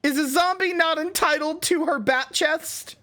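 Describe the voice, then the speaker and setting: A streamer with a cute anime streamer manner, doing animated live commentary and swooping theatrically into high-pitched mock indignation. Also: moderate pace.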